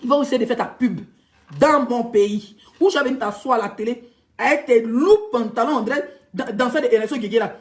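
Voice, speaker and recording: A woman's voice: on the high side, moderate pace. A woman blogger with an Ivorian French accent, ranting in a heated, mocking vlog monologue. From Ivory Coast. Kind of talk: ranting social media vlog.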